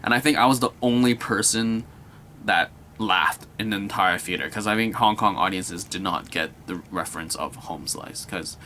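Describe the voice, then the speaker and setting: A man's voice: lowish voice, moderate pace, sharp tone, a little hiss or hum. A young man giving a casual, enthusiastic movie review, rambling and repeating himself with many filler words.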